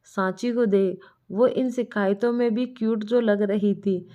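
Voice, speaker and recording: A woman's voice: medium pitch, fairly even intonation, a little slow, mellow. A woman reading a family drama story aloud, voicing every character herself. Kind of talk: scripted narration. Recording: muffled lo-fi recording.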